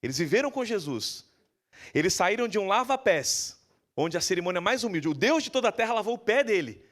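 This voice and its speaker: A man with a Brazilian Portuguese accent preaches a sermon in a church. His voice sits somewhat high, and he tells stories in a lively way, slipping into the voices of the people he quotes. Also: a little fast. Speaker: pastor.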